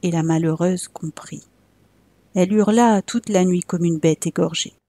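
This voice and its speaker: A woman reading a classic tale aloud as a storyteller, measured and expressive. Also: on the low side, no echo.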